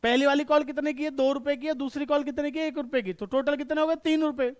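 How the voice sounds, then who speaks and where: A man's voice: extremely high pitch, steady tone, quick pace. A man teaching an online accountancy class. He keeps asking his students questions, answers them himself, and keeps checking that they have understood.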